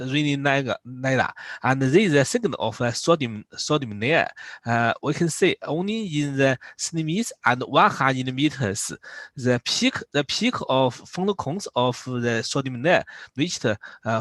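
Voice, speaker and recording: A man with a Chinese accent, a non-native speaker, giving a scientific presentation in careful, halting English with repeated words. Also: medium pitch, a bit bright, dry recording. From China. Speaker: invited speaker. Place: online video call.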